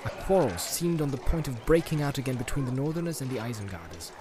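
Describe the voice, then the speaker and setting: A man reading a fantasy audiobook as narrator, in a measured, dramatic storytelling manner. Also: medium pitch, lively intonation, a crowd in the background. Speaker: audiobook reader.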